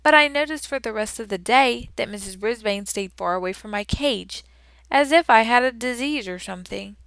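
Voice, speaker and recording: Woman narrator for kids' audiobook, expressive and playful, crisp bright tone, dry studio sound. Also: on the high side, moderate pace, no room sound. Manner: expressive, playful storytelling with lively emphasis. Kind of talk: first-person children's audiobook narration, as a classroom hamster.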